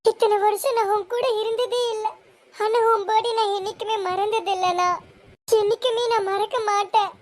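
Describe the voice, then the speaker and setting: A woman's voice: extremely high pitch, steady tone, moderate pace, heavy background noise. A woman voicing an emotional long-lost younger sister and young mother in a fan-made serial drama. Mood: tearful.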